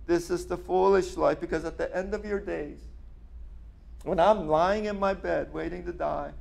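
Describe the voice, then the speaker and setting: Gravelly man preaching conversationally. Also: high-pitched, fairly even intonation, moderate pace. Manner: conversational, often drops to a near-murmur at phrase ends. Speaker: pastor. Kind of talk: sermon with personal storytelling.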